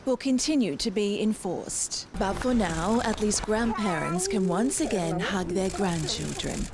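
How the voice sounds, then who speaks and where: Woman reporter over crowd noise. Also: medium pitch. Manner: steady, measured reporter voiceover. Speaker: foreign correspondent. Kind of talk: scripted news report.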